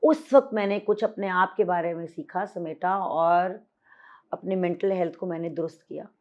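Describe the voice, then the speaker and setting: A woman's voice: on the low side, moderate pace, lo-fi sound. A woman in her fifties, a podcast guest, speaking candidly and reflectively in a mixed Hindi-Urdu and English conversation, with emphatic repetition. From Pakistan.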